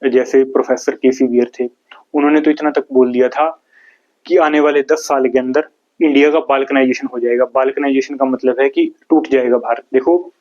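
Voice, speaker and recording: A man's voice: medium pitch, steady tone, normal speed, darkish tone, highs cut off. A man from India with a Haryanvi accent, teaching an exam-prep lecture, explaining step by step and asking and answering his own questions.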